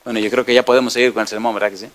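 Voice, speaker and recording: A man's voice: medium pitch, rapid-fire. A middle-aged man preaching a sermon as pastor, telling anecdotes, acting out dialogue and firing rhetorical questions at the congregation. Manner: animated storyteller, acts out dialogue, asks rhetorical questions.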